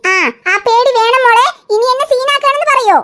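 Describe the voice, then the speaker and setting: A woman's voice: very high voice, normal speed, fairly bright tone. A woman voicing a bossy, teasing teenage older sister in a cartoon. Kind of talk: cartoon voice acting.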